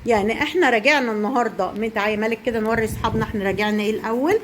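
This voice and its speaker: Talking very fast in a slightly high voice, a young female teacher with an Egyptian Arabic accent encourages little ones through quizzing and praise while explaining to parents. Some slight background noise can be heard.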